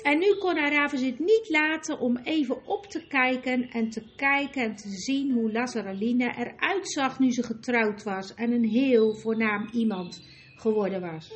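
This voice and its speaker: A woman narrating a children's fantasy story in a measured, expressive way. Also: on the high side. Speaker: audiobook narrator.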